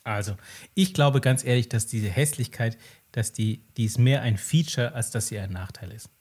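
Ein Mann moderiert einen lockeren Podcast, lacht oft und probiert Wortspiele aus. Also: male voice, mid-range voice, normal speed, a little mellow, slightly rough. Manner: playful, laughs often, tries out puns. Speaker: podcast host. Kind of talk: casual podcast chat.

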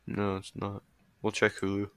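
A man co-hosting a podcast, chatting casually and cracking blunt, deadpan jokes. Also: lowish voice, normal speed, clear, resonant tone, no room sound. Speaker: podcast co-host. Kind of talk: casual chat.

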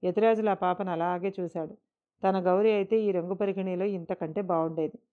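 A woman narrating a scripted story in a measured, emotive way. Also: lowish voice, fairly even intonation. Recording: dull lo-fi recording.

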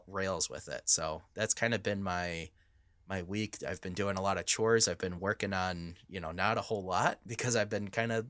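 A man hoarse from coughing, with a rough smoker's rasp, chatting informally as a co-host. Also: lowish voice, a bit bright, no room sound, clean studio sound. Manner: informal, sweary. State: hoarse after weeks of coughing. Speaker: podcast co-host, knife maker. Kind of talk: casual chat.

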